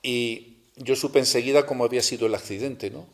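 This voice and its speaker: A middle-aged man telling a personal story in a talk at a spiritual center, halting and restarting as he goes. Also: mid-range voice, steady tone. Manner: halting, with many restarts and rhetorical tags.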